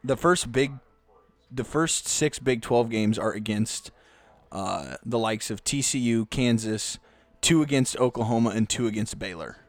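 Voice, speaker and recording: A man co-hosting a casual sports podcast, joking and relaxed, swearing now and then. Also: mid-range voice, unhurried. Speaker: podcast co-host. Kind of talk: casual podcast chat during a live game.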